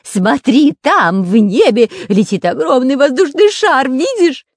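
A reader voicing a touchy, boastful long-nosed male spy in a storybook reading, with a whiny, excitable manner. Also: mid-range voice, normal speed, no echo, studio quality, voice pushed up. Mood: excited.

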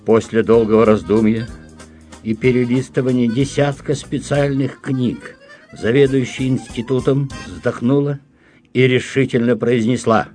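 A man narrating a humorous audiobook in a measured, deadpan storytelling manner. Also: medium pitch, soft background music.

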